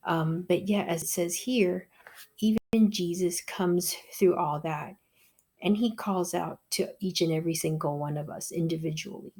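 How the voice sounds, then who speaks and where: A woman giving a gentle devotional talk, telling a story in a slow, soft-spoken way. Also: on the low side, breathy edge.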